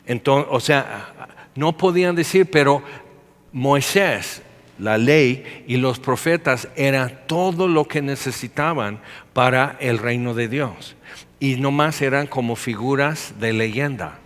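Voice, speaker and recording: Hombre mexicano predicando en sala con eco. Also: male voice, mid-range voice. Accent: Mexican Spanish. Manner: casual, chatty, with quick asides and acted-out quotes. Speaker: preacher. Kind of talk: conversational sermon. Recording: long hall reverb.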